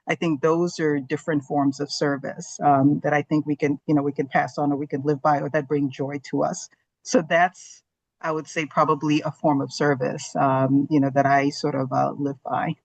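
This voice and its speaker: A Zambian woman in her forties, a gastroenterologist, speaks as an earnest, reflective interview guest in casual talk full of fillers. Her deep, slightly mellow voice has no echo, but the recording is rough.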